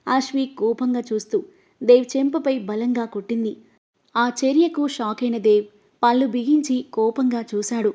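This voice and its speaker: A woman reading an emotional novel aloud as narrator, voicing every character herself and getting louder in the angry lines. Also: a little high, normal speed. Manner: reads all the characters, her voice rising louder in angry lines. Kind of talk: scripted story narration. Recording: dull, lo-fi audio.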